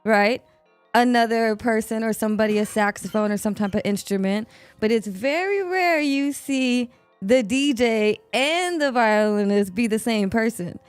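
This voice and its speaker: A woman's voice: on the high side, moderate pace, clean tone, no room sound, soft background music. A woman hosting a talk show, chatty and upbeat, telling stories and drawing out her guest. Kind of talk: casual interview chat.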